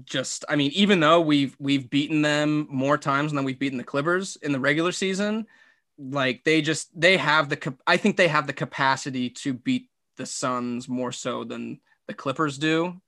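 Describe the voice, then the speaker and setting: Podcast host, male, high and bright voice, loose rambling delivery. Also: normal speed. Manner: rambling, heavy use of "like". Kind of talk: casual sports chat.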